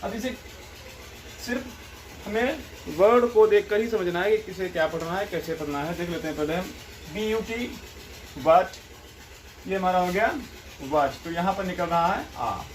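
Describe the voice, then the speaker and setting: Male teacher, fairly high voice, patient word-by-word pronunciation lesson, faint hiss behind. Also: poor audio. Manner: slow, repetitive, explains word by word. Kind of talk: classroom-style explanation over a board.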